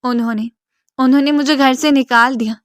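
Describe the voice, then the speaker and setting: A devoted young woman pleads softly in a storybook reading, a woman acting her out. Her voice is slightly high and dry. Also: fairly even intonation, dry recording, natural voice. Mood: pleading. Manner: pleading, soft. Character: young woman, twenty-one, devoted and tearful.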